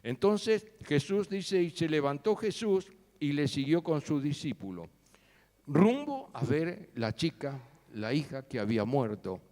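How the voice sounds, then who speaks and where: A man preaching a sermon, telling the story with sudden loud and soft turns. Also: fairly high pitch, sing-song, a little slow. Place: church sanctuary. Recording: long church hall reverb.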